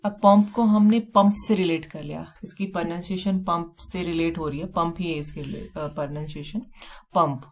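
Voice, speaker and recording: A woman's voice: fairly low pitch, darkish tone. A woman teaching vocabulary for exams with memory tricks, explaining step by step and repeating key words, with terms. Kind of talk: exam-prep vocabulary lesson.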